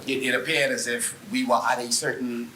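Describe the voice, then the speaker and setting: A Bahamian man from Nassau, an opposition member of parliament, probing the government in debate, halting and restarting his sentences. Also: medium pitch, level tone, bright, forceful tone, far from the mic, slight background noise. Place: parliament chamber. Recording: echoey chamber, off-mic.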